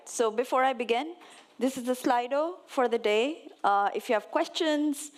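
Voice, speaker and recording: A woman in her forties, originally from Pakistan, giving a conference talk on stage in a chatty, lightly self-mocking way. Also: medium pitch. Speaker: conference speaker. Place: on stage before an audience.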